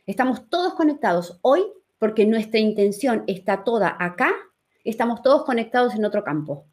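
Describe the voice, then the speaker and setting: A woman, a spiritual teacher giving a calm, explanatory live-streamed talk that puts questions to her audience. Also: a little high, normal speed.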